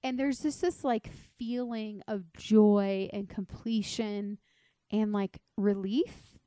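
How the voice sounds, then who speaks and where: A woman's voice: medium pitch, fairly even intonation, slow pace, mellow, clear, resonant tone, no echo. A woman co-hosting a podcast, telling stories in an effusive, dramatic way and filling her talk with "like.". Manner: effusive, dramatic storytelling with many "like"s. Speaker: podcast co-host. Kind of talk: casual podcast chat.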